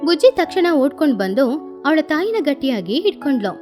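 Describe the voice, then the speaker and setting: Lively woman narrating a cartoon story. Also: sits high, brisk, over music.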